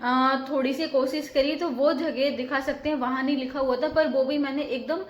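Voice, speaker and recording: A woman's voice: high-pitched, steady tone, normal speed, echoey room. A woman hosting a casual home vlog, chatting to viewers and explaining at length with many fillers. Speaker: vlogger host. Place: home balcony.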